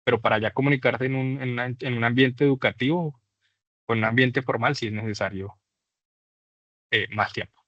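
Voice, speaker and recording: A man's voice: mid-range voice, fairly even intonation, moderate pace, long pauses, a bit bright, dry recording. Patient man teaching English. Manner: patient, explanatory, exaggerates English vowels to demonstrate. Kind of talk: class lecture. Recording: dull lo-fi dry recording.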